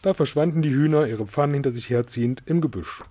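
A man reads a storybook aloud with a steady, even-toned delivery. His voice sits in a middle pitch and is mellow and soft rather than bright. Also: fast talker. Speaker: audiobook reader. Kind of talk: storybook reading.

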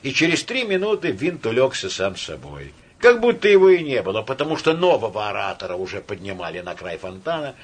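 A man narrating an audiobook with a lively, dramatic reading. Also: medium pitch, slightly rough.

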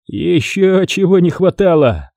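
A man's voice: high voice, very animated, measured pace, gravelly, no room sound, studio quality, voice pushed up, heavily acted. A man doing a brash young soldier under fire. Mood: wry. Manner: shouted, brash quips.

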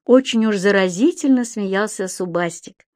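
Lady reading a kids' story, middle-pitched voice, dry close sound. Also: moderate pace, dark tone, no room sound. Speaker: audiobook reader. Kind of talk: scripted storybook narration.

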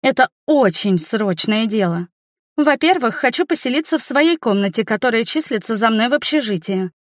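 A cheeky young sorceress bursts in, high and quick, bossing everyone about, as a woman reader puts her on. Her voice sits raised above a plain reading tone, bright and pushy. The recording is dry and close, a storybook read aloud. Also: expressive, no echo, close to an everyday voice. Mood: bubbly, pushy. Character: brisk cheeky young woman student, an air mage.

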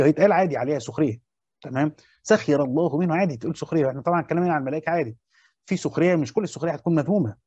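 A man with an Egyptian accent gives a classroom lesson at a quick clip in a slightly raised voice. He repeats his key points and stops often to ask whether his listeners follow. The recording is dull and dry, with no room sound. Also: on the high side, darkish tone, husky, no room sound. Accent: Egyptian Arabic. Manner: repeats key phrases and checks understanding with questions. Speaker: teacher explaining a Quran commentary.

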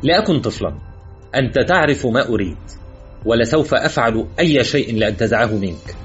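A man voicing a cold, threatening Russian agent in an audiobook, calm and mocking, in a slightly muffled recording with faint music. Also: medium pitch, a little fast, slightly rough, pitched above the performer's own voice. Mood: menacing. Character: cold menacing male Russian agent holding a gun. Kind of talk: audiobook character voice.

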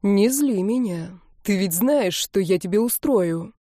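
A woman's voice: mid-range voice, expressive, measured pace, mellow, dry recording, studio quality. A woman voicing an angry older grandfather who commands sternly through clenched teeth. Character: furious protective grandfather, older man.

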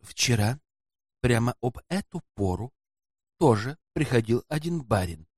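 Man playing a sly greedy hotel porter, folksy and servile, lively voice, dry close audio. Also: medium pitch, unhurried, no room sound. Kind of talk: audiobook character voice.

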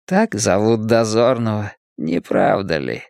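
A man reading as a cold young gang boss, slightly lower than a plain male voice and slow and deliberate, every word measured and quietly threatening. The recording is dry and close, with no room sound. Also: expressive, vocal fry, clean tone, no room sound. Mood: coolly menacing.

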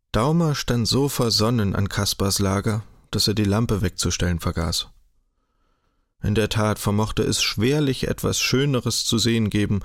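Low-voiced man reading an audiobook. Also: no echo, studio quality. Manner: measured, even storytelling. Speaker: audiobook narrator.

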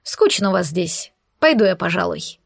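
A woman's voice: fairly low pitch, very animated, moderate pace, vocal fry, dry recording, pitched below the performer's own voice, full character voice. A woman voicing a cheeky, lazy male demon in an audiobook, with an offhand, mocking drawl. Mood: bored.

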